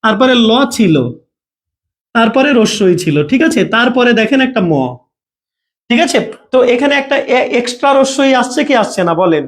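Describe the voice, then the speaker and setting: A man's voice: extremely high pitch, lively intonation, normal speed. A man teaching a live online grammar class. He keeps asking his students questions, repeats them, and checks often that they understand. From Bangladesh.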